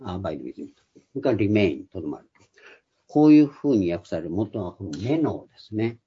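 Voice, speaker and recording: A man's voice: on the low side, big pitch swings, fairly quick, dark tone, breathy edge. An older man giving a Bible study lecture, explaining patiently with frequent hesitant fillers, in a dull lo-fi recording. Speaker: Bible teacher.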